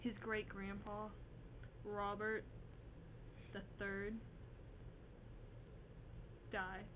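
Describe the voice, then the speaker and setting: A woman's voice: medium pitch, completely flat delivery, extremely slow. A young woman improvising a story with a friend, playful, with jokey asides. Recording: dull lo-fi recording with faint hiss.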